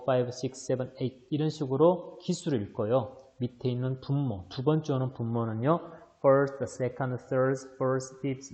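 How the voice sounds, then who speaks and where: A male high school English teacher giving a recorded online lesson, explaining step by step and answering his own questions. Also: warm tone, long reverb tail, highs cut off. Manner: mixes English readings into Korean explanation.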